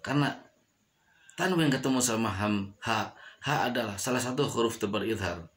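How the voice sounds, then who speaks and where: A man with a lowish, fairly bright voice gives a tajwid lesson on Quran recitation rules. He demonstrates each recited example slowly, stretching the words out and repeating every one.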